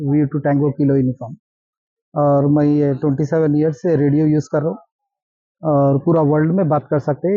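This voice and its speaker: Being interviewed casually, this Hyderabadi ham radio operator and vintage jeep owner sprinkles English terms into his explanations. His voice is a little high, with no room sound in the dull, dry lo-fi recording.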